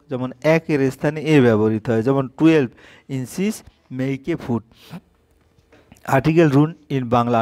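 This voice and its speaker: A man's voice: medium pitch, darkish tone, no echo, clean studio sound. A man with a Bengali accent teaching a grammar lesson, reading out rules and examples with frequent fillers.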